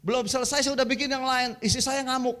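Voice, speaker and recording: A middle-aged man giving a humorous church sermon, telling lively stories in casual slang. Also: very high-pitched, fast, a little hiss or hum. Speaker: guest preacher.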